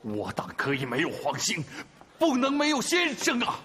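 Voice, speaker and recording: Man, loyal general; high, sharp, very animated pleading voice. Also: moderate pace, heavily acted. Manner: imploring, urgent, repeats his plea. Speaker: revolutionary general and deputy. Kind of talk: historical TV drama acting.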